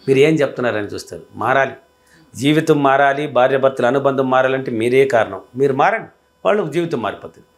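Man, relationship coach, rapid emphatic delivery, slightly high voice, repeats his points. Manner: emphatic and repetitive, acting out little dialogues. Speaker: motivational speaker and relationship coach. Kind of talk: motivational advice talk.

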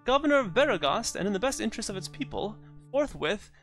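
A man's voice: sits high, big pitch swings, fast, a bit bright, soft background music, pitched above the performer's own voice, exaggerated voice. A man voicing a formal male town crier who reads out a proclamation in a pompous manner. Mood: proclaiming.

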